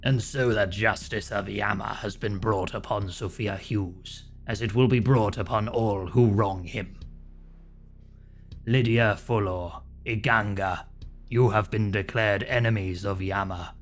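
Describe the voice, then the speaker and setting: A man voicing a stern demonic judge from a video game, in a slow, solemn, possessed manner of pronouncing doom. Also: lowish voice, fairly even intonation, pitched below the performer's own voice. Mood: menacing, judging. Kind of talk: dramatic video game role-play. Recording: music behind the voice.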